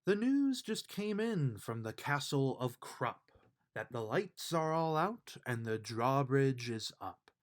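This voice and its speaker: Reading a rhyming bedtime book for children, a storybook reader uses a sing-song, mid-range voice and a measured, emphatic storytelling style.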